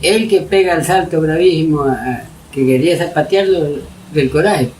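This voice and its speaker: A man telling stories from his own life in a lively, casual way, acting out his own shouts. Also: fairly high pitch, moderate pace. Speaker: storyteller interviewee. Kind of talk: casual oral-history storytelling. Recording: distant mic with loud noise and dogs barking.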